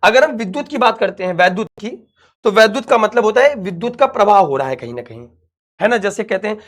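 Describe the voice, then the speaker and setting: A young man with a high, fairly bright voice teaches an online physics class. He is chatty and reassuring, and he calls his students his dear children.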